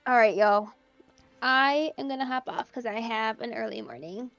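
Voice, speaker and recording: A woman's voice: a little high, expressive, normal speed, fairly bright tone, no echo, dull audio, faint music behind. A woman game master wrapping up a tabletop session and chatting with her players in an easygoing, giggly way. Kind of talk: casual chat after a tabletop game.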